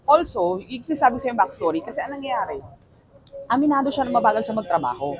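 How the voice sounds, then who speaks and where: A woman's voice: on the high side, sing-song, quick pace, crowd noise, low-quality recording. A woman in casual chat, steadily explaining how a series differs from the manga. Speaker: co-host. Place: public place with people around.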